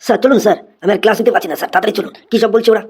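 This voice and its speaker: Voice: medium pitch, rapid-fire, darkish tone, slightly rough, lightly acted. A voice actor playing a flustered new male schoolteacher in a cartoon comedy, exclaiming and complaining in exasperation. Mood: exasperated.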